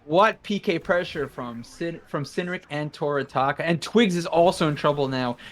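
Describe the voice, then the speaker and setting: A man with a northern English accent giving measured, analytical esports commentary. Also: fairly high pitch, a bit bright. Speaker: esports caster.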